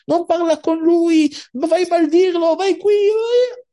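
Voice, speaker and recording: A woman voicing a male tempter spirit, the evil inclination, urging and goading in a high, pushy voice. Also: slow, dark tone.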